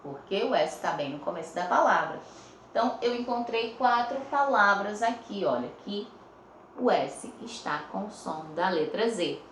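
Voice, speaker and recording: With a medium-pitched, animated voice and a Brazilian Portuguese accent, a woman teaches young pupils, recorded on a phone with reverb and a little hiss or hum. She speaks slowly, stretching each word into syllables and checking in often.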